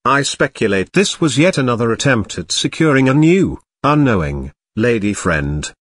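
A man voicing a smug male robot cat who presents scripted comedy news in a deadpan, mock-formal way. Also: mid-range voice, moderate pace, slightly rough, no echo.

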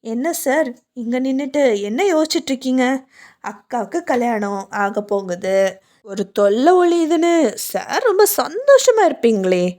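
A playful young sister who teases and sulks, as a woman puts her on for an audio storybook. Her voice sits very high and climbs higher when she complains. She sounds bright, quick and a little whiny. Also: expressive. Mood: teasing. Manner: whiny and teasing, high pitched.

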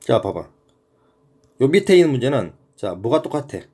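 A man's voice: mid-range voice, sing-song, moderate pace, warm tone, slightly rough. A man teaching a middle-school math lesson in a casual, conversational way, often checking that the student follows.

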